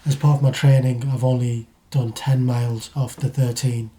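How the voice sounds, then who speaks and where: A British man giving a casual, matter-of-fact vlog update in a low-key way. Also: level tone, moderate pace, dark tone, breathy edge. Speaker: vlogger. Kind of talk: casual vlog talk to camera.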